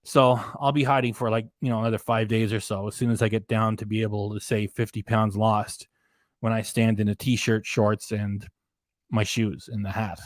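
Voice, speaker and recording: A fairly low, flat voice at a moderate pace belongs to a reaction livestream host who reads chat, rants with indignation, and repeats himself as his voice goes. The recording is clean and studio-like with no echo. His desk mic is concealed behind a graphic.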